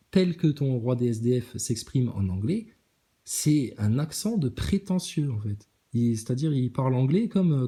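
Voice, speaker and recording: A man's voice: medium pitch, mellow, husky. A man ranting sarcastically during a live stream, reading out viewer comments and mocking them, swearing often and laughing between his remarks.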